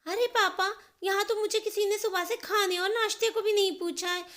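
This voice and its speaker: A woman voicing a spoiled, sulky young married daughter who complains in a whiny, shrill way. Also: steady tone, moderate pace, fairly bright tone. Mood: petulant angry.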